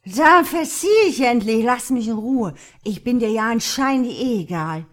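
A woman's voice: a little high, expressive, moderate pace, faint music behind, pitched above the performer's own voice, close to an everyday voice. Woman voicing a drunk, slurring young man. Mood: angry. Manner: slurred, loud outbursts. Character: drunk, angry young man pleading for love.

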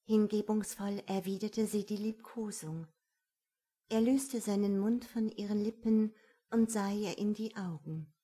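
A woman reading a romance audiobook in a calm, measured, intimate manner. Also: mid-range voice, slightly rough. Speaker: narrator. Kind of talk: scripted audiobook narration.

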